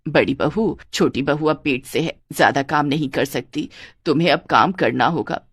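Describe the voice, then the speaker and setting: A woman's voice: low-pitched, normal speed, slightly rough, no room sound, studio quality, voice pushed down. A woman voicing a naive, fussy older mother-in-law in a cartoon story, fretting and exclaiming over the housework. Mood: fretful.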